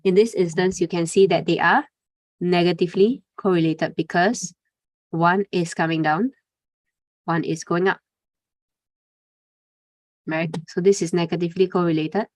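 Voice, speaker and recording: Woman, lowish voice, trading webinar instructor, casual with filler words, dry close mic. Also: fairly even intonation, normal speed, pauses often, no room sound. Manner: conversational, frequent "okay" and "right?" tags, fillers. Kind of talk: live webinar presentation.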